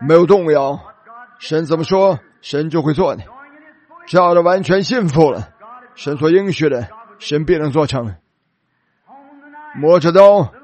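A man preaching a sermon, telling a story dramatically and slowing down for emphasis. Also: fairly high pitch, darkish tone.

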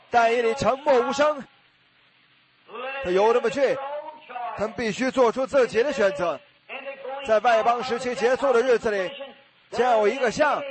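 High-voiced man preaching emphatically. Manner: emphatic preaching with exclamations and rhetorical questions. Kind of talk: sermon.

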